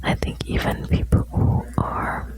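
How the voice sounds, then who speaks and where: Slow whispering ASMR woman, close to the ear. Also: darkish tone. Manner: soothing, intimate, addressing the listener. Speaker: ASMR host reading quotes. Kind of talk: ASMR, whispered reading of quotes with chatty asides.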